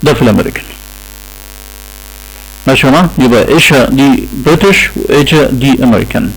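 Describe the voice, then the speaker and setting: A man's voice: medium pitch, fast talker, low-quality recording. A man with an Egyptian Arabic accent lecturing a class on English pronunciation, repeating key points and checking in with the students. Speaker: English teacher.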